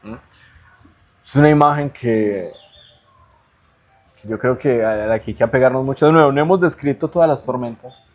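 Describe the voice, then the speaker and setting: A man's voice: mid-range voice, moderate pace, long pauses, a little mellow. A man as an interview guest, giving earnest spiritual teaching in a conversational way and checking in with rhetorical tag questions.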